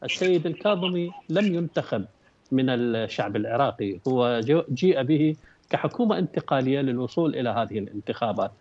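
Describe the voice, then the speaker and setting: A man analyzing politics as a talk-show guest, measured, with frequent hesitant fillers. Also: mid-range voice, expressive, a little mellow. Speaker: international relations researcher guest. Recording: dull dry remote link.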